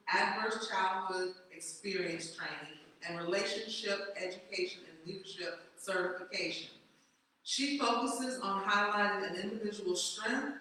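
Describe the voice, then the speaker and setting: A woman's voice: medium pitch, sharp tone. A woman hosting an event, reading formal speaker introductions aloud and now and then stumbling over the words. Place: large reverberant event room. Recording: echoey hall, distant mic, faint noise.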